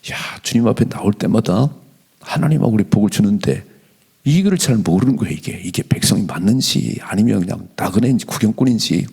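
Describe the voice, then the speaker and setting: A middle-aged male pastor giving an animated dawn prayer sermon in a church, slowing down whenever he reads scripture aloud. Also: fairly low pitch, vocal fry, husky. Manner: animated preaching, slows to read scripture aloud. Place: church sanctuary.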